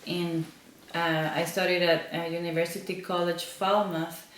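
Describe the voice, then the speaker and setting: A woman from Central America answering interview questions, slow and thoughtful, often pausing with ums. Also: on the low side, flat delivery, a little hiss or hum. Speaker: interviewed designer. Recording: echoey room, mic at a distance.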